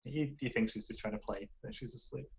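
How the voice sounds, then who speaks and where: Man, tabletop game master, mid pitch, rambling, muffled recording. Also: fairly quick. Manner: loose, rambling description full of fillers.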